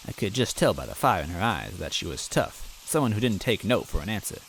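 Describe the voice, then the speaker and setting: With poor audio carrying a slight hiss or hum, a low-voiced man reads his fan story in the first person. His delivery is sing-song and a little fast, his tone earnest, timid and self-deprecating.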